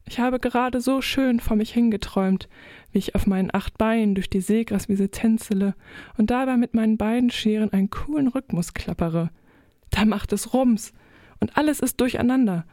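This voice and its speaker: A woman voicing an excitable female crab who is quickly upset, in a children's audio story. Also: on the high side, no echo, studio quality, voice pushed up, natural voice. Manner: bright, emotional, quick to despair.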